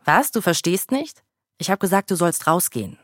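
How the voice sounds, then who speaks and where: A man's voice: high voice, big pitch swings, normal speed, fairly bright tone, dry recording, studio quality, full character voice. A man voicing an aggressive young male thug in a subway car, bullying and taunting in a read-aloud story. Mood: angry.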